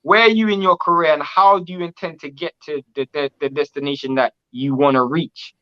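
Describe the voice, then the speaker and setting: A man's voice: fairly high pitch, fairly even intonation, a little fast, sharp tone, clean tone, muffled recording. A man hosting a casual boxing interview, asking rambling, enthusiastic questions with restarts. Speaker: boxing channel host.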